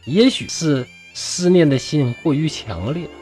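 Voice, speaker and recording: A man's voice: a little high, lively intonation, a little slow, a little mellow, soft background music. A man from Shenyang with a Northeastern Mandarin accent, telling a classic tale in a chatty, folksy manner with colloquial asides. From Shenyang, Liaoning, China. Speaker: storyteller host. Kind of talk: humorous storytelling podcast.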